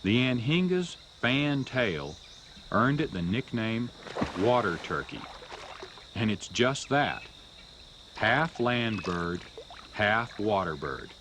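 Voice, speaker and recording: A man narrating a scripted nature documentary in a measured, storytelling way. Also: fairly low pitch, sing-song, background noise.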